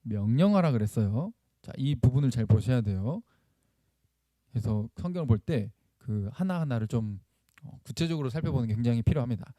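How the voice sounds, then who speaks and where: A man preaching a lively sermon, asking the congregation questions and acting out the voices of the people in the story. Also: medium pitch, fairly quick, dry recording, studio quality. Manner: animated, acts out quoted voices, asks the congregation questions; admits using blunt speech when excited. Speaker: pastor.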